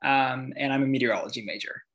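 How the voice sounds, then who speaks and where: A man's voice: medium pitch, fast, a bit bright, dull audio. A young man student from Alabama giving a friendly, casual self-introduction on a video call. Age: young adult.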